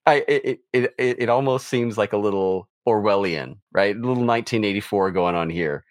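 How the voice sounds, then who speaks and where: A middle-aged man co-hosts a relaxed sports podcast, talking in a fairly low voice. He keeps stopping and restarting his sentences, and he laughs playfully as he goes. The sound is dry and close. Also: moderate pace, dry recording. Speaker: podcast co-host. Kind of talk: casual sports chat.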